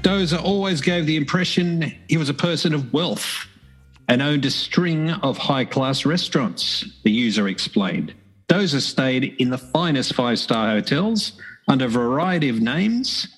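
A man's voice: on the high side, husky, low-quality recording. A man hosting a podcast, reading a scripted story in a slightly wry manner. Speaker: podcast host.

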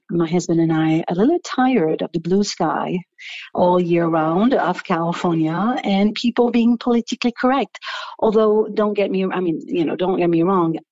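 French-accented woman, low voice, dry. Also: a little mellow, dry recording, dull audio. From France. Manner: thoughtful, rambling with restarts. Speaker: guest, business founder. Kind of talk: interview answers.

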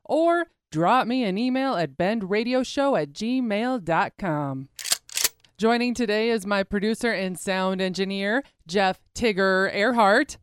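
A woman's voice: medium pitch, lively intonation, unhurried, noisy background. A woman hosting a radio show, chatty and enthusiastic, speaking straight to her listeners.

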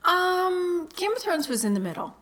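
A woman's voice: very high voice, sing-song, normal speed, a bit bright. A chatty woman talking casually, laughing often and restarting her sentences. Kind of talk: casual chat.

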